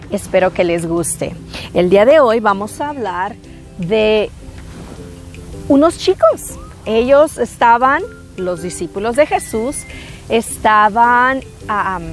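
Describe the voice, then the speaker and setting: Slow, animated woman telling children a Bible story. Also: a little high. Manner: animated, frequent tag questions to the kids. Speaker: children's Bible class teacher. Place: outdoors by a lake.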